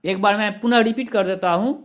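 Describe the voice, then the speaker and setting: A man's voice: high-pitched, fairly quick. A man teaching a lesson, listing example words one by one and spelling some of them out letter by letter. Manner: lists examples in a steady rhythm. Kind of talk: classroom-style lesson explanation.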